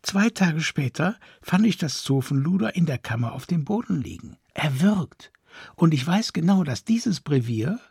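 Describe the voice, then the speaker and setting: A weepy, indignant noblewoman pours out her grievances in tearful, high-strung bursts, as a male audiobook reader puts her on. Her voice is gravelly and deeply husky, and the sound is close and dry. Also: big pitch swings, normal speed, darkish tone, no room sound, heavily acted. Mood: agitated. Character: distraught aristocratic woman, weepy and indignant. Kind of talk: audiobook character voice.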